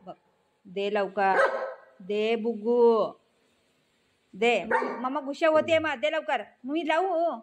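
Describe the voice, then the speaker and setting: A woman's voice: a little high, fairly even intonation, slow, long pauses. A woman, coaxing and scolding her pet dog in repeated short commands. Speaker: pet owner.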